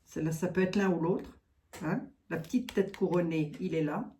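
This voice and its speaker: Musing her way through a tarot reading, this Lorraine-accented woman speaks at a moderate pace in a fairly low, warm, steady voice. She lets her asides trail off and often adds little tags.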